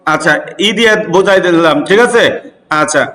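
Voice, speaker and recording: A high-pitched man leads a computer lesson. He asks the room a question, then answers it himself, step by step. His voice echoes around the classroom. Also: brisk, bright, forceful tone.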